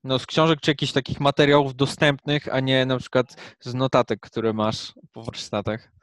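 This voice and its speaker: A man's voice: mid-range voice, level tone, moderate pace, no room sound. A man hosting a casual podcast chat, speaking in short remarks and questions. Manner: brief, asks questions.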